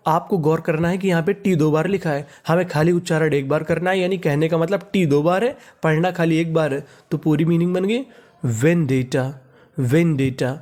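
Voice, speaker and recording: Guy teaching english words, spells them out, keeps asking what do we read, kinda high voice. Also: brisk, hardly any pauses, a little mellow. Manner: repeats each word and asks "what do we read?".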